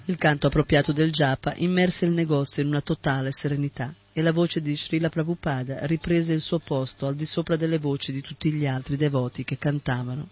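A man reading a devotional story as narrator, in a steady, measured way. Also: fairly high pitch, faint music behind. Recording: dull, muffled recording with faint sitar.

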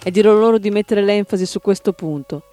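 A man reading the part of an eager, agreeable male disciple. He speaks earnestly and plainly in a high, mellow voice. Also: a little fast, faint music behind, natural voice.

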